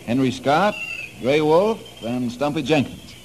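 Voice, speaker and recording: Genial ranger boss, steady explanatory delivery, vintage radio adventure, noisy recording. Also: male voice, a little high, unhurried. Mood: friendly. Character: genial, steady male head ranger and ex-Navy man. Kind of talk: old-time radio adventure acting.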